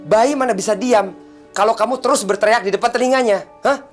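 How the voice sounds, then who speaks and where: An actor playing a stern, lecturing husband. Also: male voice, high-pitched, brisk, soft background music, lightly acted. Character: stern husband rebuking his wife.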